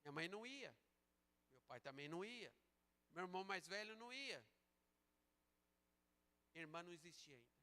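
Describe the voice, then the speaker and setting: A man preaching a sermon as a pastor, moving between slow emphatic calls and quieter storytelling. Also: high-pitched, expressive. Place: church sanctuary. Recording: church sanctuary with long reverb.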